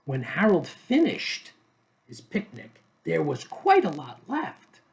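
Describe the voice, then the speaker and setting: A man reads a children's storybook aloud at an unhurried pace. His pitch rises and falls in a lively way, and he leaves pauses between short phrases. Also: vocal fry. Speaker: storybook reader.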